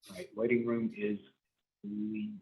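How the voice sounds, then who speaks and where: Over a video call with tinny, phone-like audio, a man runs a sales training class, calling on each participant in an upbeat, chatty way. His mid-range voice swings widely in pitch, moves a little slowly and carries vocal fry and a darkish tone.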